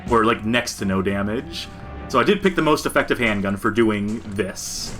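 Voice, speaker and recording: A man's voice: on the low side, lively intonation, normal speed, over music. A man co-hosting a podcast, giving casual commentary as he plays a game and explaining its mechanics in detail. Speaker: podcast co-host. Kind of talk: casual commentary over gameplay.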